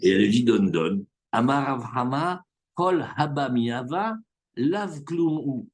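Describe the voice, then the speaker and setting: A man leads a Talmud class with a slightly husky, breathy voice. His pitch rises and falls in wide, animated swings, and he slips into the characters' lines to make his point. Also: measured pace. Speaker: rabbi teaching Talmud. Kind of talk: lively Talmud class to students. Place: live class with students in the room.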